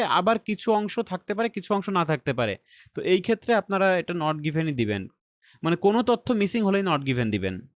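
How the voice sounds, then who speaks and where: A man's voice: sits high, no echo, clean studio sound. A man teaching an exam-skills lesson step by step. He often checks in with his listeners and mixes English terms into his explanations. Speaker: IELTS reading teacher.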